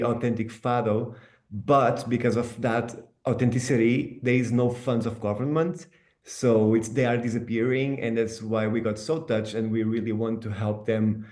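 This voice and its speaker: A man's voice: mid-range voice, level tone, normal speed, darkish tone, reverberant. A man, an actor who helped produce the film, speaks earnestly at a Q&A. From Portugal. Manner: earnest and heartfelt. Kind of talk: Q&A panel answer.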